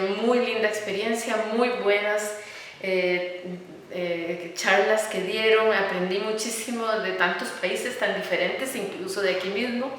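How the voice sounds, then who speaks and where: A middle-aged woman with a Costa Rican Spanish accent talks about her work in an earnest, halting way, full of fillers and repeated phrases. Her voice sits at a medium pitch. She sounds far from the mic, with strong room echo and a long reverb tail. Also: slight background noise. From Costa Rica. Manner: earnest, warm about children, many fillers and repeated words. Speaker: architect and educator, interview guest. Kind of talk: conversational interview. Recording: echoey room, recorded from some distance.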